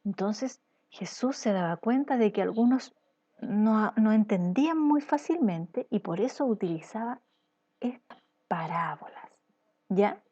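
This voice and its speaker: A woman's voice: mid-range voice, animated, unhurried, dark tone, highs cut off. A woman teacher telling a parable to children in a patient, questioning storytelling style.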